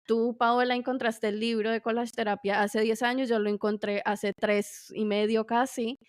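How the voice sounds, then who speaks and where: A woman's voice: on the high side, little pitch movement, normal speed, dry recording, studio quality. A woman hosting an interview, reflective and asking her guests questions. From Colombia. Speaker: interviewer and host. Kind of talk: casual interview.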